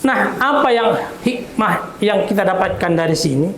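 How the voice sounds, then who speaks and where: A man preaching to a gathering, telling a story in a calm, measured way. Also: echoey room, a little hiss or hum. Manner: calm, measured, quotes voices in a lower tone. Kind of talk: sermon with storytelling.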